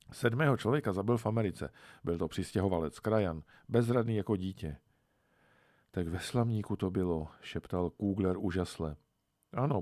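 A man narrating a literary story in a calm, measured way. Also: lowish voice, no room sound, clean studio sound. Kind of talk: literary reading.

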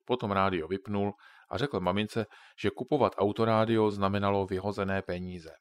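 Brief: low-voiced male narrator, calm storytelling, dry close studio sound. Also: clean tone, dry recording. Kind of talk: audiobook narration.

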